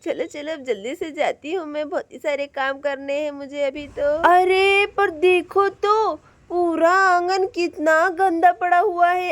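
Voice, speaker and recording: A woman voicing an excitable, cheerful village mother who exclaims as she chats. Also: extremely high pitch, dry recording. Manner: exclaiming, chatty.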